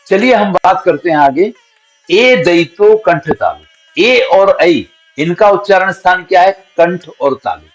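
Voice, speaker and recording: A man teaching Sanskrit grammar, patiently explaining and sounding out each syllable slowly as an example. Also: high voice, animated. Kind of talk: spoken grammar lesson. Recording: dull lo-fi audio with faint background music.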